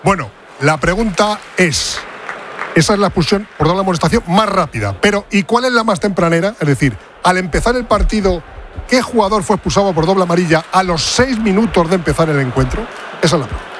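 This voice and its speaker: A man with a slightly high voice laying out a football trivia question on a radio panel. He talks fast but explains patiently and in detail. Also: animated, fairly bright tone, slight background noise. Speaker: radio pundit setting a quiz question.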